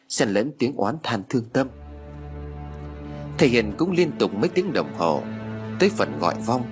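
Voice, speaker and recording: A man narrating a ghost story in an expressive, dramatic reading style. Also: mid-range voice, breathy edge. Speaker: audiobook narrator. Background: background music.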